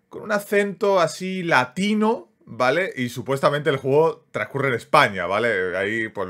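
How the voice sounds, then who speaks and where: An excitable man with a Spain Spanish accent talks his viewers through a game trailer as a gaming YouTuber. His casual reaction commentary sits at a middle pitch and keeps checking in with quick tag questions. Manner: excitable, peppers speech with quick tags.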